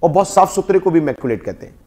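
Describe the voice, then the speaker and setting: A man with an Indian accent leads a spoken English class in a classroom. His voice sits slightly high, and he keeps prompting the students to repeat each word after him. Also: expressive, very fast, warm tone. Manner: drills the class, prompting them to repeat words. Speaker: English teacher.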